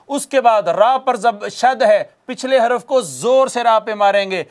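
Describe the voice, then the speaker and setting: A man teaching Quran recitation, patiently correcting and chanting drawn-out demonstration words for students to repeat. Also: high-pitched. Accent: Pakistani Urdu. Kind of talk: recitation lesson with call-and-repeat.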